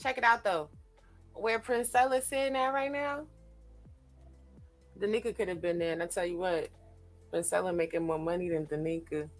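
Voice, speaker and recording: A woman's voice: fairly low pitch, normal speed, long pauses. A woman on a casual panel chat, teasing and sassy, with faint music behind her. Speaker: panel guest.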